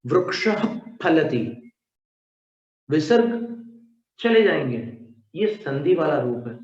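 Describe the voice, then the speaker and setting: Man as a patient language teacher, slow, raised pitch, demonstrates each sound aloud, echoey dull recording. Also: sing-song, darkish tone. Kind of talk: slow explanatory lesson.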